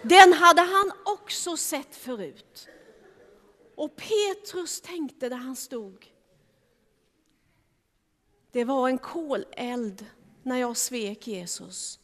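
High, bright-voiced woman telling a story. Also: pauses often, in a large hall. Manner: animated, acting out the scenes. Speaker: children's Bible storyteller. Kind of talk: lively storytelling to children.

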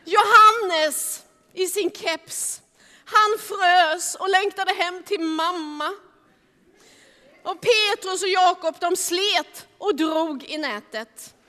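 A woman telling a Bible story to children in a lively, animated way, acting out the scenes. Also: very high voice, big-room sound.

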